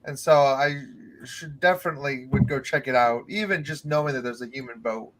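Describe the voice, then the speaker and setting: A man's voice: medium pitch, a little fast, low-quality recording. A man playing a tabletop role-playing game, talking casually with hesitant, conversational phrasing. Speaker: player.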